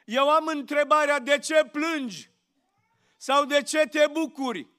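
High-voiced Romanian preacher man. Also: sharp tone. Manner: slow, emphatic preaching with rhetorical questions. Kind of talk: sermon.

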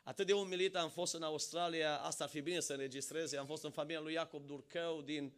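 A male preacher with a forceful, ringing voice, sitting somewhat high for a man. He moves between impassioned shouted exhortation and calm, conversational storytelling. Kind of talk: sermon.

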